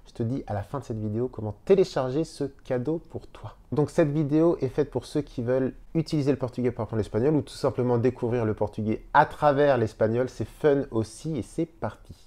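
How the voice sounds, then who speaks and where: A man with a medium-pitched, dark-toned voice teaches Spanish in a relaxed video lesson recorded in a hotel room. He goes slowly and repeats words as he explains.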